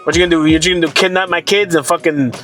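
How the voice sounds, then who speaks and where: A man's voice: a little high, steady tone, very fast, fairly bright tone, soft background music. A young man ranting casually about gaming prices, profane, rambling and sarcastic. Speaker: gaming commentator. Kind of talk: casual rant to camera.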